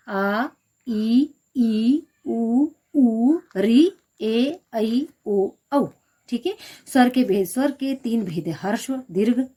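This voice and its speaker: Slow, mellow-voiced woman teaching Hindi letters. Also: fairly high pitch. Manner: patient, reciting letters one by one, calls students "beta". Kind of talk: classroom lesson.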